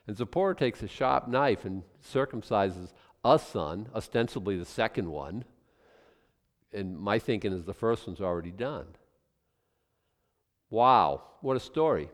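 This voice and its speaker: A man's voice: on the low side, lively intonation, a little slow, long reverb tail. A male pastor teaching a Bible passage in a conversational way, musing aloud about his own guesses and chuckling as he goes.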